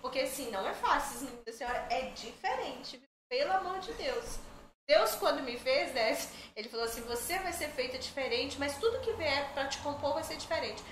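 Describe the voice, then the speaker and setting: Brisk and high-voiced, a middle-aged woman tells stories as a guest on a podcast, keeping things chatty and jokey. The casual, animated storytelling is recorded in an echoey room with a faint layer of background noise.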